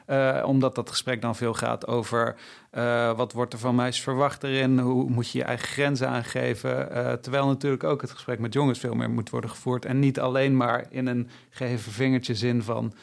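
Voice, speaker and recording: Male theatre critic, creaky voice, reflective and measured. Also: medium pitch, level tone. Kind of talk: conversational theatre review talk.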